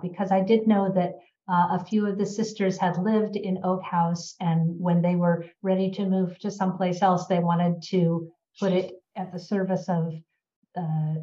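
Female interviewer, slightly low, dark timbre, conversational, dull lo-fi roomy sound. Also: steady tone, moderate pace.

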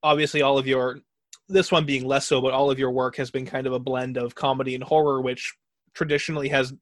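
A man interviewing an author in a casual conversation, asking questions with quick, joking asides. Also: medium pitch, little pitch movement, no room sound.

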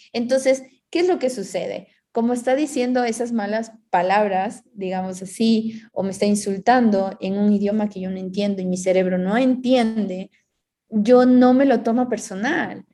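A woman's voice: mid-range voice, mellow. A woman in casual reflective conversation, explaining ideas through everyday analogies and acting out inner voices.

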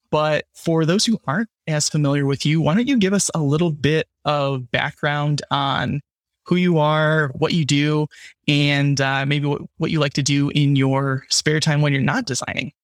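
A man hosts a podcast interview, leading with friendly, relaxed questions. His voice sits a little high for a man, and the sound is close and dry. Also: moderate pace, no room sound. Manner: friendly, scripted intro then relaxed questions. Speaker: podcast host.

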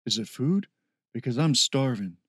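A man's voice: medium pitch, expressive, moderate pace, a bit bright, breathy edge, dry recording, clean studio sound. A man doing a plain hungry teenage boy. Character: hungry, good-natured teenage boy Bear.

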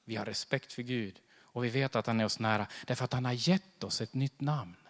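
A man preaching a sermon as pastor, animated, quoting scripture and acting out small everyday scenes. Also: medium pitch. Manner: animated, acts out little scenes and quotes scripture. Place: church hall. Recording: long church hall reverb.

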